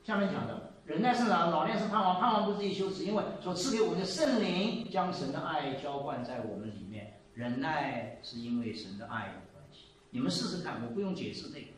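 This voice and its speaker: A man in his seventies giving a sermon and telling a story, moving between loud exclaiming and quiet asides. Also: fairly high pitch, animated, brisk, far from the mic, a little hiss or hum. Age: 70s. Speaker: preacher. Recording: echoey room, voice from off the mic.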